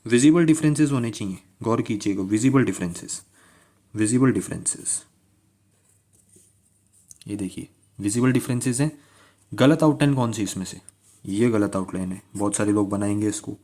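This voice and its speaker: A man's voice: on the low side, a little fast, darkish tone. A man teaching shorthand strokes, repeating key words and asking listeners to pronounce along. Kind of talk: classroom-style tutorial.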